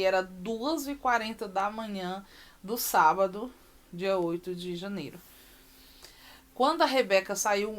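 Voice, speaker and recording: A woman, a mother telling the story of her daughter's surgery in a personal vlog, emotional and repeating herself with many pauses. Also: mid-range voice.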